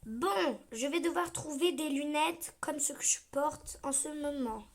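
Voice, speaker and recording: This young woman's voice sits high and she speaks unhurriedly. As a gaming vlogger she offers casual commentary on her gameplay, complaining dramatically and frequently sinking into a mutter.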